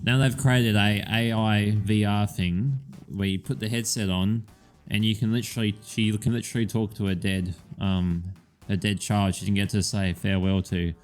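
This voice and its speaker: A man's voice: on the low side, steady tone, normal speed, soft background music. A man co-hosting a podcast in casual chat, rambling with lots of "um"s and casual swearing. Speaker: podcast co-host.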